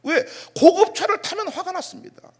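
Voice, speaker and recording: A middle-aged man preaching a sermon as pastor, animated, firing off rhetorical questions and sudden outbursts. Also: very high-pitched, normal speed.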